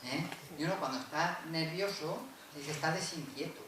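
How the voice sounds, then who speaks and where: A man delivers an academic lecture in a university room, explaining patiently and checking in with his listeners through frequent tag questions. He often stops to correct himself mid-phrase. The voice is picked up from far away in a very echoey room, with clear background noise underneath. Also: fairly high pitch, normal speed.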